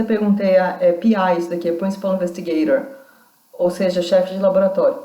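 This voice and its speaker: A woman lecturer talks through a recorded class with a warm, mellow voice. She explains carefully and often restarts her sentences. The room around her sounds echoey. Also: medium pitch. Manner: explanatory, reads out quoted accounts, many restarts. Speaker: university lecturer.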